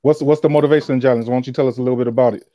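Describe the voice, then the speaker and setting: A man hosting a casual livestream chat, talking fast in loose slang. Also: medium pitch, fairly even intonation, dark tone, no echo, lo-fi sound. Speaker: podcast host.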